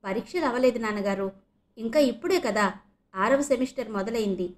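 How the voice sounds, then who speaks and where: A woman's voice: a little high, a little fast, natural voice. Woman voicing a polite young son. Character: polite young man, medical student son. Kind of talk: audiobook character reading.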